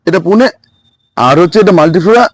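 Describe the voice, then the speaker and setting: A man who runs a plant nursery, explaining in a quick, excited, repetitive way in a casual chat outdoors at his nursery. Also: high voice, dry recording.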